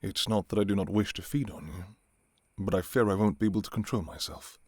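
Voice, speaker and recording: Man acting as a vampire king, deep breathy voice, formal old-fashioned speech, restrained longing, intimate ASMR role-play, close dry sound. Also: a little fast, no echo. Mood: torn, yearning. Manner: formal, archaic, hesitant, soft-spoken. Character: courtly adult male vampire king, restrained, yearning for his enemy.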